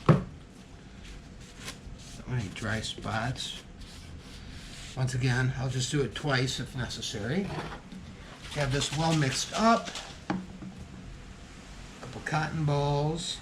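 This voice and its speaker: A hobby guitar builder narrates his own casual workshop vlog in a mid-range voice over a noisy background. He speaks slowly and hesitantly, pausing often, thinking aloud with frequent ums and restarts.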